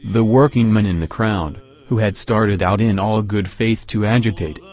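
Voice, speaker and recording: A man reading a history text aloud as a narrator, measured and dramatic. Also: lowish voice, a little mellow.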